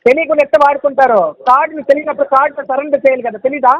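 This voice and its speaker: A man's voice: extremely high pitch, steady tone, very fast, a bit bright, dry recording. A loan recovery agent, a man, arguing on a phone call and insisting on repayment, talking over the other man and repeating the sums. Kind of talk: heated phone argument. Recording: muffled phone call recording.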